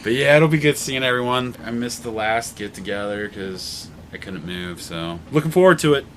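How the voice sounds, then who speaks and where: Middle-aged guy on a podcast, swinging pitch, cussing and laughing, casual chat. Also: expressive, moderate pace, fairly bright tone, a little hiss or hum. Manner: laughing, swearing a lot, reminiscing. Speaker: podcast co-host.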